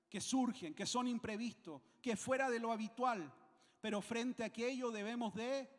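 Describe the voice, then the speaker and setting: A man's voice: high voice, in a large hall. A man from Chile, speaking with a Chilean accent, preaching a sermon as pastor, emphatic and repeating phrases for weight. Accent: Chilean Spanish.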